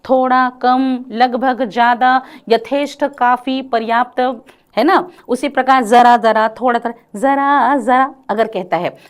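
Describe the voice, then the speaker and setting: A woman teaching an exam-prep grammar lecture, calling her students "beta" and often checking whether it is clear, drawing out example lines slowly. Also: on the high side, steady tone.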